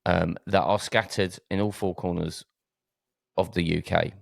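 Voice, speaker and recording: Essex bloke hosting a podcast, deep voice, dry close sound, stumbles over words a bit. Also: male voice, steady tone, a little slow, vocal fry, dry recording. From Essex, England. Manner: hesitant, repeats words. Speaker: podcast host. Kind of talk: casual chat.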